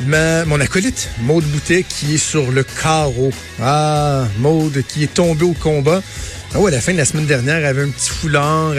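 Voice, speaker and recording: A man in his thirties with a Quebec French accent, hosting casual talk radio and often repeating words as he thinks. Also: a little high. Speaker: radio host.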